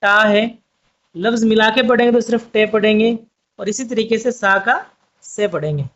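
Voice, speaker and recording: High-voiced man teaching a patient lesson. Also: moderate pace, a bit bright. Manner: patient, repetitive explaining, addresses viewers as friends. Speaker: Urdu teacher. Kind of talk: online language lesson. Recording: dull lo-fi sound.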